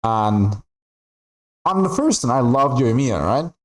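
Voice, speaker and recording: A man's voice: mid-range voice, big pitch swings, takes it slowly, poor audio. A young man from Peru chatting casually while streaming a game, rambling and packing his talk with "like" and "right?". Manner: rambling, chatty, filler-heavy with frequent "like" and "right?". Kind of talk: casual chat while gaming.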